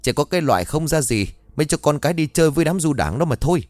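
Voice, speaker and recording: A spiteful gossiping village woman in a spoken horror tale, put on by a male narrator. Her voice is shrill and taunting, rattling out jabs quickly. The recording is dry, with faint music running underneath. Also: lively intonation, darkish tone, dry recording, lightly acted.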